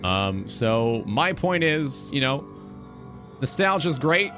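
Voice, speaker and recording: With background music playing, a streamer and talk show host in his twenties rants about video games on a livestream. His mid-range voice moves slowly with big pitch swings, and he talks in a casual, emphatic, rambling way, swearing now and then.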